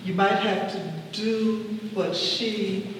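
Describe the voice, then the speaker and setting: Older woman speaking slowly in echoey hall. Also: mid-range voice, fairly even intonation. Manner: halting, deliberate, repeats phrases. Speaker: audience participant sharing advice. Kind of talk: personal anecdote at a community discussion. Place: large reverberant room at a public discussion. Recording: very echoey noisy hall, distant mic.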